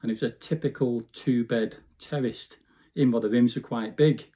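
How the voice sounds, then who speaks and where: A man in his fifties from Bolton, Lancashire, England reminisces as an interview guest, his mid-range voice mellow and fairly even at a moderate pace. He talks in a chatty, informal way, often tagging on "you know."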